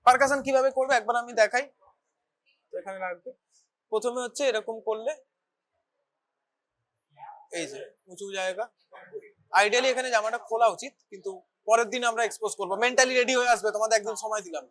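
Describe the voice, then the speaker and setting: Brisk, fast-talking clinical teacher. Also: mid-range voice, fairly bright tone. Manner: brisk, instructing students step by step. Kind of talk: bedside teaching demonstration. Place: hospital teaching ward.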